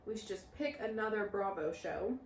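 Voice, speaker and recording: A woman in her late twenties chats and teases on a casual podcast, and she giggles easily. Her voice sits at an everyday middle pitch. The room sounds echoey, and there is a faint background hiss. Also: moderate pace. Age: late 20s. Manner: chatty, giggly, teasing. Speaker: podcast co-host. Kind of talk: casual chat.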